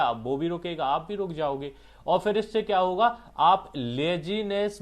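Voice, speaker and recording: A man teaching exam dictation and typing skills, who explains step by step and asks and answers his own questions. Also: on the high side. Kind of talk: online exam-prep lesson.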